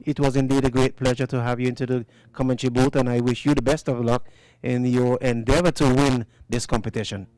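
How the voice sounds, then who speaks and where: Here a cricket commentator chats with a guest in the booth, teasing him and piling on follow-up questions during the live match. His mid-range voice is darkish and level, moving along fairly quickly. The booth mic gives no echo, though the audio quality is poor.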